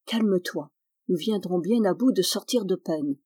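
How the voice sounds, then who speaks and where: A woman doing a gentle wise young sorceress. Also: on the low side, moderate pace, slightly rough, dry recording. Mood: reassuring. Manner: calm, reassuring, gentle.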